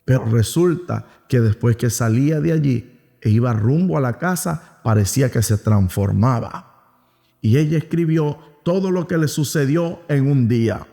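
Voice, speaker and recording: A man's voice: medium pitch, lively intonation, moderate pace, creaky, dark tone. A man with a Venezuelan accent preaching a Sunday school sermon, telling a story and acting out its quotes, calling his listeners "mis amados". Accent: Venezuelan Spanish. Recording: long hall reverb.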